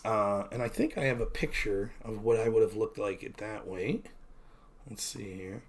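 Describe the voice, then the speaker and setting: A man's voice: fairly low pitch, moderate pace, a little hiss or hum. A man in his thirties, chatting candidly on his own stream, rambling with many fillers and poking fun at himself. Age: 30s. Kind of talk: casual solo stream chat.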